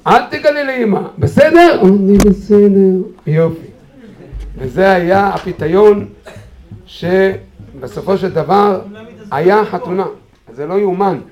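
A man speaking at a memorial gathering, telling a personal story in an animated way and acting out quotes with sudden shouts, then urging his listeners on fervently. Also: high voice, lo-fi sound. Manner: animated, acts out quotes with sudden shouts, many fillers and restarts. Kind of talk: personal storytelling eulogy, turning into fervent exhortation.

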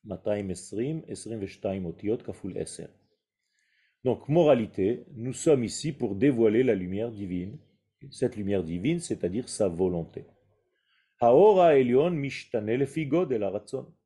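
Slow, dark-voiced man teaching a lesson. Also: fairly low pitch, expressive, husky. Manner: didactic, rhetorical questions, Hebrew terms mixed in. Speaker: Kabbalah teacher. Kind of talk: spoken religious lesson.

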